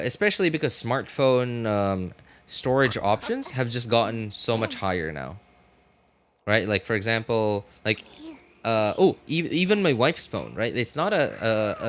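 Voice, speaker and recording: Over background music, a man with a fairly bright, medium-pitched voice livestreams in a relaxed, meandering way. He argues his points conversationally as he works through his reasoning, regularly pausing to check in with short questions.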